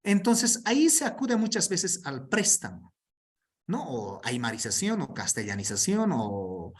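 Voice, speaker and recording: A man's voice: mid-range voice, huge pitch swings, unhurried. A man presenting an online workshop, reading through a term list in an explanatory way and often checking in with tag questions.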